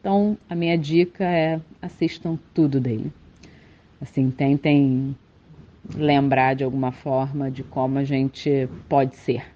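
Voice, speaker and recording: A woman with a Brazilian Portuguese accent, a professor giving a reflective podcast monologue with thoughtful, halting phrasing and frequent restarts. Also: rumbling low, steady tone, highs cut off, slight background noise.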